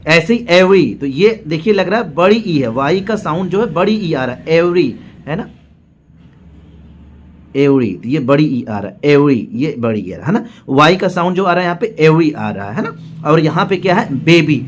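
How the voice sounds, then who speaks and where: A man's voice: a little high, sing-song, normal speed, a little hiss or hum. A man teaching English letter sounds in a patient spoken lesson. He says each example word several times and keeps asking the viewer to pay attention. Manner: often asks the viewer to notice and checks agreement.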